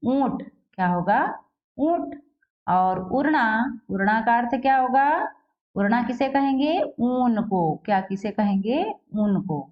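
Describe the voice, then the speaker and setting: A woman's voice: a little high, muffled recording. Female teacher asking and answering herself. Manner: asks questions then answers them herself, repeats each word slowly. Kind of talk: classroom lesson for children.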